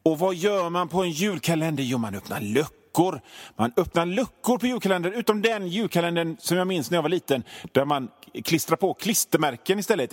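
Sarcastic rambling man. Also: a little high. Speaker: radio host. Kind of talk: casual comedic monologue.

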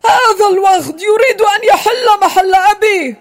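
A woman's voice: very high voice, moderate pace, soft background music. A woman voicing an earnest, brave young boy prince in a children's audio drama, calling out with strong feeling. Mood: indignant. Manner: emotional, calling out loud.

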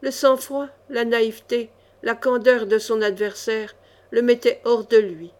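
A woman narrating a swashbuckling historical novel as an audiobook, expressive and measured. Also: fairly high pitch.

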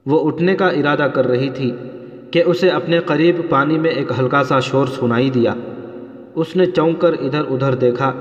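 A man reading a novel aloud in a steady, dramatic way, heard as dull, lo-fi audio in a roomy space with long reverb. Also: mid-range voice. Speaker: narrator. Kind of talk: scripted narration of a novel.

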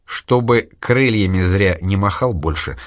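A man reading an audiobook, voicing a calm, menacing male crime boss with a measured manner. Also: sits low, dry recording, clean studio sound. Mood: cold. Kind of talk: audiobook character voice.

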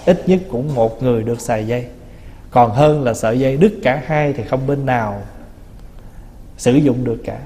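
A Buddhist monk with a mid-range, dark-toned male voice gives a conversational dharma talk at normal speed, teasing and acting out little quoted remarks. The recording carries the long reverb of a hall.

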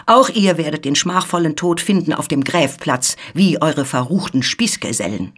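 A loyal old servant woman standing her ground, speaking strong and steady, her voice husky and breathy, as a reader puts her on. An audiobook reading of an old tale. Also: medium pitch, moderate pace. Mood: firm. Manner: firm and steadfast, crying for help.

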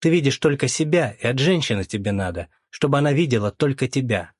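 A man reading a story, voicing an indignant divorced woman who scolds her ex-husband in a raised, shrill voice. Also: lively intonation, fast, slightly rough, no room sound, studio quality. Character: sharp-tongued divorced woman, indignant and bossy.

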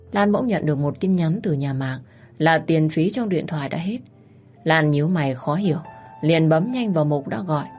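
A woman narrating a romance story as a storyteller, in a steady, even manner. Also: sits low.

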